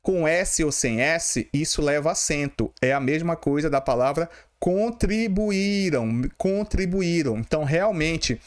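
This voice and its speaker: A man's voice: on the high side, animated, unhurried, hardly any pauses. A man with a Brazilian Portuguese accent teaching students, talking to them directly and answering his own questions while sounding out words syllable by syllable. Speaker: Portuguese teacher for exam prep. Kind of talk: explaining exam questions.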